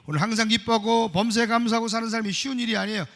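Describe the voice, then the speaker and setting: A middle-aged man preaching a sermon as pastor, emphatic, swinging from loud exhortation to quiet confession. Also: very high-pitched, fairly even intonation, racing. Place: church sanctuary. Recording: long church hall reverb.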